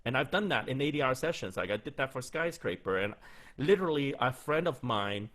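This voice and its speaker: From a small room at home, a man in his thirties who does voice acting offers career advice through interview answers. He speaks expressively and fairly quickly, with a medium, fairly bright voice, keeping it loose and chatty and often restarting. He wears headphones and uses a large studio mic with a pop filter.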